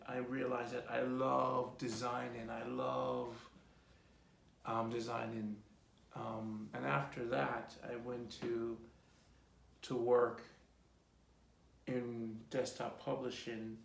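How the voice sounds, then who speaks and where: Gravelly Jamaican man telling his story. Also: medium pitch, slow pace, a little hiss or hum. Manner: relaxed storytelling with many ums and listy phrasing. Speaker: host being interviewed by his daughter. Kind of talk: casual personal interview. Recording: echoey room.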